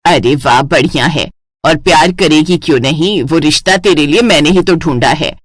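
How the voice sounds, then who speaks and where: A woman's voice: low-pitched, moderate pace, breathy edge, no echo, studio quality, voice pushed down. A woman voicing a blunt, teasing middle-aged mother who mocks her daughter. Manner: teasing, mocking.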